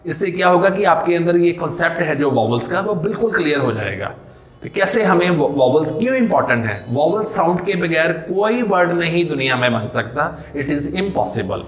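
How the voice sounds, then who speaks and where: A man explains English vowels like a teacher at a board. His voice sits a little high, and the room gives it a noticeable echo. He asks his own questions, answers them, and stretches out the important words. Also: very animated. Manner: repeats questions and answers them himself, slows down on key terms; mixes Hindi with English words. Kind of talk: classroom-style lesson explanation.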